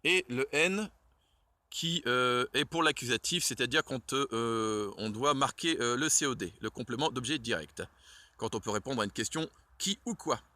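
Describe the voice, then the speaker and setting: A man's voice: mid-range voice, moderate pace, bright, forceful tone, dry recording. A man giving a casual spoken lesson on a language's alphabet, hesitant, with many fillers and self-corrections, shivering a little in the cold. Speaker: Esperanto enthusiast presenting the alphabet. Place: outdoors in the cold.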